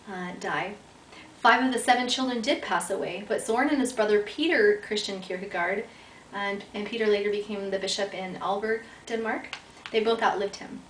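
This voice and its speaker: Young american woman doing a class talk off her notes, lots of ums, sounds far from the mic in an echoey room. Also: mid-range voice. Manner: reads from notes with frequent ums and restarts. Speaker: education student. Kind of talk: class oral presentation. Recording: echoey room, voice from far off, faint background noise.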